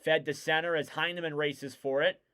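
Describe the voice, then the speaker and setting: Clear-voiced man calling hockey play-by-play. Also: fairly high pitch, moderate pace. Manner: casual, rising excitement on big plays. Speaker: livestream hockey commentator. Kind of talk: play-by-play commentary.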